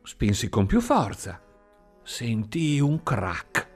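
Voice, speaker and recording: Expressive male storyteller. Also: medium pitch, slow pace, breathy edge. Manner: expressive, sing-song storytelling. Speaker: narrator. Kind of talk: audiobook reading. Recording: faint music behind.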